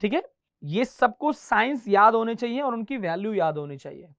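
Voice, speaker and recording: Counting out beats and switching between Hindi and English, a male guitar teacher leads a classroom lesson over faint guitar playing. His fairly bright voice sits high, swinging widely in pitch at a moderate pace.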